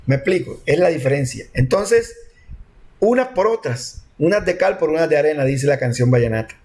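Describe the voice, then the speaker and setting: A man's voice: fairly high pitch, lively intonation, moderate pace, darkish tone. Chatty Colombian coastal man teaching. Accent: Colombian coastal Spanish. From Colombian Caribbean coast. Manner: chatty, joking, with restarts. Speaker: programming instructor. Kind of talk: online class talk.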